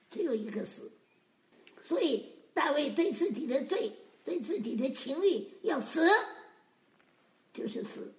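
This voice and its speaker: A woman gives an emphatic sermon, pressing her listeners with rhetorical questions as she explains scripture. Her voice sits high, and the room around her rings with echo. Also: dark tone. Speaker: preacher. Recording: echoey room.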